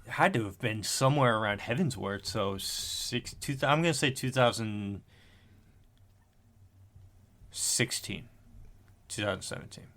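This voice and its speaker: A thirties podcast co-host chats casually from a room at home, rambling, correcting himself, and swearing now and then. His voice sits on the low side and is expressive and a bit bright, and he talks a little slowly with frequent pauses.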